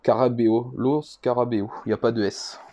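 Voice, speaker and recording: This vlogger's medium-pitched voice is dark and flat, delivered at normal speed, as he walks through his card collection. It's an unscripted, casual show-and-tell full of hesitant rambling and repetition.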